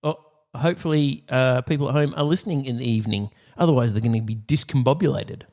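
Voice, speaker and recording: A man co-hosting a comedy podcast from an office, chatting quickly and laughing often. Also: mid-range voice, a little mellow. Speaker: podcast co-host. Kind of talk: casual comedic chat.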